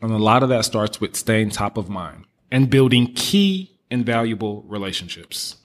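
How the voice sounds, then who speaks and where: A man's voice: fairly low pitch, expressive, normal speed. A man hosting a business podcast, upbeat and motivational, talking straight to his listeners. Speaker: podcast host. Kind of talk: casual business podcast talk.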